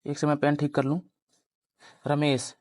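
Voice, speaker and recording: Male teacher, slightly high voice, step-by-step explaining, dry close sound. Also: monotone, unhurried, a little mellow, dry recording. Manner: explains step by step, keeps quizzing the students. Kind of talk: classroom grammar lecture at a board.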